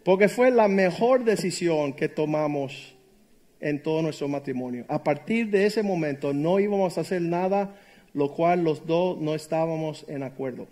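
Man, middle-aged, high voice, sermon, emphatic, jokey, tells stories. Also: moderate pace, dark tone. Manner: emphatic, jokey storyteller who acts out quotes. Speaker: preacher.

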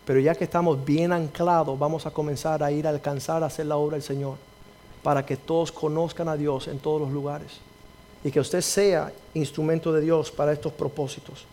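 A male pastor delivering a sermon in a fairly high voice. He reads scripture aloud, acts out the people in the story, and pushes hard on his key points. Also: little pitch movement, a little fast, slight background noise. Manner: preaching with dramatized quotes, rising to loud emphasis.

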